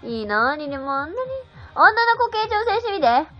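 Giggling and answering comments, a young woman chats casually on a livestream at normal speed, her high voice swinging widely in pitch. The audio is dull and lo-fi, with faint music in the background.

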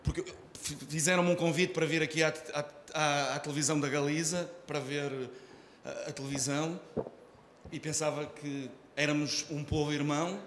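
A man's voice: a little high, little pitch movement, normal speed, fairly bright tone, big-room sound, a little hiss or hum, close to an everyday voice. A man playing an offended Portuguese audience member with a Portuguese accent, protesting in a TV comedy sketch. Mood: indignant. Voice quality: indignant, offended. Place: TV studio audience stands.

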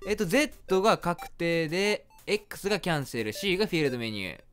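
High lively Kansai game streamer. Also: male voice, a little fast, clear, resonant tone, soft background music. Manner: playful, reacts aloud and jokes at the screen. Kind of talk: let's play commentary with storybook narration.

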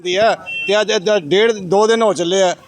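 A man's voice: high-pitched, fairly even intonation, normal speed, no echo. A man with an Indian Punjabi accent, a protester voicing a complaint to a news camera.

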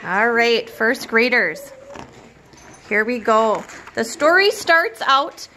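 A woman teacher with a high, bright voice calls out each cue for her first graders' class play. She speaks slowly and patiently, giving encouraging prompts in a school classroom. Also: very animated, slight background noise. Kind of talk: cueing a children's class play.

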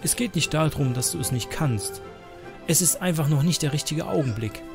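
A man's voice: a little high, animated, normal speed, vocal fry, over music, voice pushed up. A man reading a stern old woman elder. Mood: warning. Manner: lecturing, firm.

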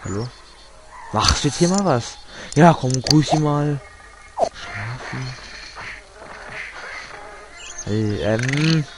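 A man's voice: medium pitch, lively intonation, slow pace, music in the background. A man giving casual commentary while playing a game, chatty and scolding his characters. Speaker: gameplay commentator. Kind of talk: casual let's-play commentary.

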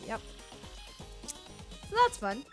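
A woman's voice: drawn-out words, soft background music. A woman hosting a casual let's play, chatty, self-mocking and playful. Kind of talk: casual game commentary.

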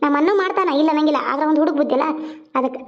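A woman's voice: sits high, very fast, highs cut off, lightly acted. A woman voicing an earnest young village girl. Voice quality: earnest, talks things through at length.

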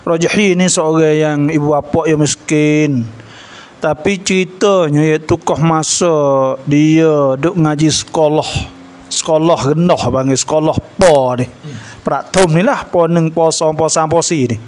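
A man with a Kelantan Malay accent giving a religious talk, telling a story with acted-out dialogue and frequent throat clearing. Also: a little high, a little slow. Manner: animated storyteller, acts out dialogue. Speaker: religious lecturer.

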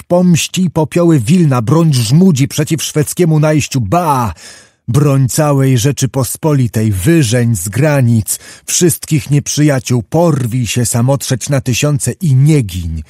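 Proud, bitter middle-aged prince, read by a male narrator; dark tone, dry close sound. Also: medium pitch, no echo, close to an everyday voice. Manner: grave, impassioned pleading.

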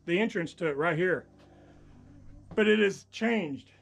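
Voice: mid-range voice, measured pace, vocal fry. A person chatting casually while exploring, the voice echoing inside a cave.

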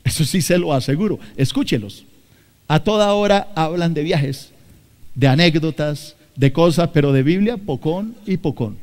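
A man's voice: a little high, moderate pace, a little mellow. A man from Colombia with a Bogotá accent, preaching a sermon emphatically to his congregation, repeating phrases and addressing them directly. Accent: Colombian Spanish, Bogotá. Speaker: pastor.

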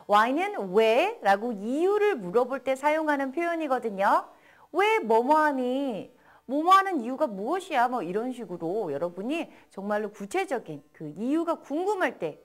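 A young woman teaches English, her voice high and swinging widely in pitch. She reads each example sentence slowly and clearly so learners can repeat it. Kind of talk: bilingual English lesson.

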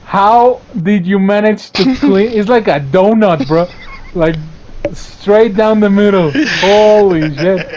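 A man bantering during a game, loud and excitable, cursing often and switching between English and Spanish. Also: sits high, slow pace, dull audio, slight background noise. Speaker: gaming streamer. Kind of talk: casual gaming banter.

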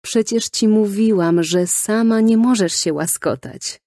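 A woman voicing a patient, gently firm mother in a children's audiobook, speaking calmly and reassuringly. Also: mid-range voice, unhurried, dry recording, clean studio sound, voice pushed up, lightly acted. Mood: gentle. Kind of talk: audiobook character voice.

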